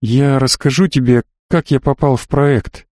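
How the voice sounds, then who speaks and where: A man voicing a quiet, earnest young man who pleads and confides through a closed door. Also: medium pitch, steady tone, unhurried, no echo, studio quality, lightly acted.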